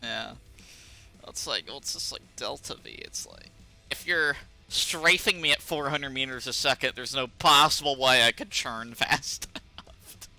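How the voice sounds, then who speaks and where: A man's voice: medium pitch, a little slow, sharp tone, soft background music. A man streaming a game who chats casually, teasing his teammates with jokes and laughing through his sentences. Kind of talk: casual gaming chat.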